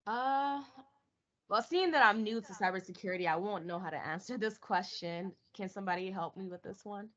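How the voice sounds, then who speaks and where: A woman's voice: mid-range voice, a little fast, fairly bright tone. A woman presenting at an online seminar over a video call, answering questions loosely with many fillers. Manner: loose, with frequent "um" and "like". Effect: heard over a video call. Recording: dull lo-fi meeting audio.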